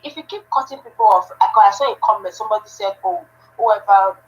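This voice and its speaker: A woman's voice: medium pitch, lively intonation, fast talker. Woman caller over a phone speaker. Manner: earnest, gives firm advice. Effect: heard over a phone on speaker. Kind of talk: casual phone-in chat. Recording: dull phone speaker with faint noise.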